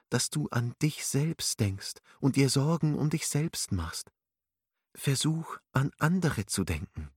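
A man voicing a calm, wise woman who counsels with soothing, gently instructive words. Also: mid-range voice, husky, no room sound, studio quality. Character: calm, wise older female spiritual counselor.

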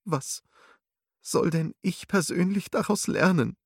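A man's voice: high voice, expressive, takes it slowly, vocal fry, no room sound, clean studio sound, pitched above the performer's own voice, full character voice. A man voicing a desperate young woman who is crying, speaking in a broken, trembling voice. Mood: tearful. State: crying, sobbing.

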